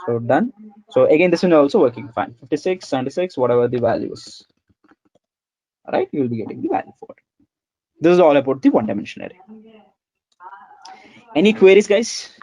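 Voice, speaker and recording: A man's voice: a little high, big pitch swings, fairly quick, long pauses, darkish tone. A man teaching a coding lesson, talking through each line as he types, repeating himself and calling the viewers "guys". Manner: talks through code as he types, many repeats, says "guys" and "sir". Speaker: programming instructor. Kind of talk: screen-recorded coding tutorial.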